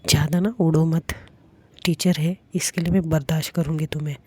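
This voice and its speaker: A woman narrator voicing a sharp-tongued teenage schoolgirl who brushes a boy off. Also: sits low, steady tone, a little fast, breathy edge, no echo. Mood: snappy.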